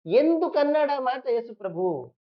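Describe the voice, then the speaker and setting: A woman's voice: sits high, big pitch swings, moderate pace, dull audio. A woman preacher giving a sermon, pressing listeners with repeated rhetorical questions and acting out churchgoers in quoted asides.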